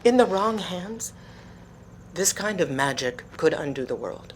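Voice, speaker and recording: An elderly village mage in an audio drama, stern and commanding. Her voice sits low and moves dramatically from hushed gravity to sudden sharp demands. A faint hiss runs underneath. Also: expressive, measured pace.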